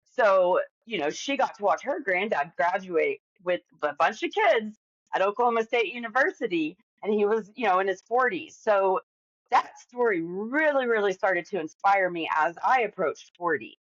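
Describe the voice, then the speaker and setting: A woman's voice: medium pitch, expressive, moderate pace, no room sound, lo-fi sound. A woman in her forties, talking candidly and at length as a podcast guest, with lots of fillers and restarts. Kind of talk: casual interview conversation.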